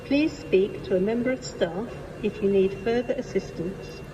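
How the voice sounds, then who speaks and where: A woman making formal, measured pre-recorded public announcements in the manner of an airport or railway station announcer. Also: medium pitch, muffled recording. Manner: measured, formal, item-by-item listing. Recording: noisy station PA with vehicle ambience. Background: train station ambience, vehicles.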